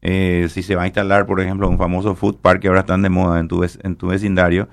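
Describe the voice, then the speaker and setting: A man's voice: low-pitched, flat delivery, quick pace, vocal fry. A man explaining things at length, with many fillers and tag questions. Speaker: guest. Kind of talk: explaining an app in a radio interview.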